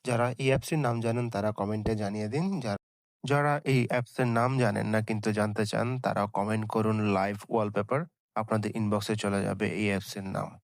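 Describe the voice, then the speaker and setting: A man giving a casual, chatty phone tutorial, self-mocking and filling pauses with "ah". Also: fairly low pitch, steady tone, creaky, no echo, studio quality. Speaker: tech channel host. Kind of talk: casual screen-recording tutorial.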